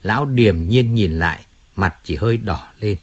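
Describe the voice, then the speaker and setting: A man narrating an audiobook in an expressive storytelling manner. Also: lowish voice, moderate pace, slightly rough, dull audio. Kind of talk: scripted narration. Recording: faint music in background.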